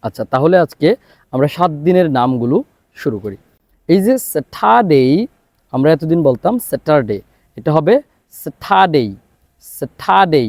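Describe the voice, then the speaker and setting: A Bangladeshi man teaching a spoken English lesson, repeating each word slowly and clearly so listeners can copy it. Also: on the high side, lively intonation, warm tone, no echo. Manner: drills words by repeating them slowly and clearly. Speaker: English teacher, academy founder.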